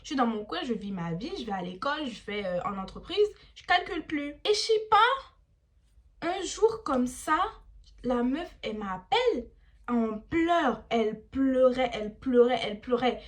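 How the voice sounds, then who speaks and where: A woman, telling a personal story in a lively vlog style. She acts out the quotes and drops bits of English slang as she goes. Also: a little high, moderate pace. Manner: animated, dramatizes quotes, slips into English slang. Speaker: vlogger. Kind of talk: casual storytime.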